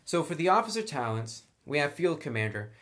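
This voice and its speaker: A man with a fairly high, fairly bright voice hosts a tabletop game tutorial, speaking briskly with a sing-song lilt. He walks through the game step by step in a casual, conversational way, partly reading the rules aloud.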